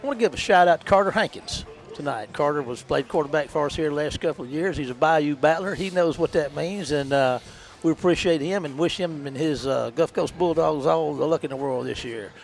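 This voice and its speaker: A man's voice: a little high, a little fast, vocal fry, hardly any pauses, faint music behind. Folksy radio play-by-play man. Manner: folksy, chatty, laughs easily. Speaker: play-by-play announcer. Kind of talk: local radio football commentary.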